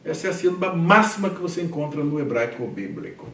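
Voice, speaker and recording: Um homem com sotaque brasileiro dando aula em sala, falando com paciência e repetindo termos devagar, sempre perguntando "tá?". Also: male voice, fairly high pitch, big pitch swings, a bit bright. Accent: Brazilian Portuguese. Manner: patient, repeats terms slowly, asks "tá?" often. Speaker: teacher. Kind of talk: classroom lecture. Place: classroom. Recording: echoey classroom from a distance.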